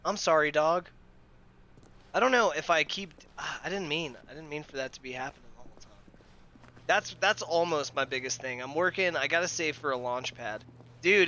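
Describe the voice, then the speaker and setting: A man's voice: a little high, pushed and bright, muffled recording. A man chatting casually with a friend on a voice call. His voice comes through with a glitchy, bitcrushed, robotic distortion. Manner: laid-back, slangy, apologetic. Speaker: friend on a voice call during a game stream.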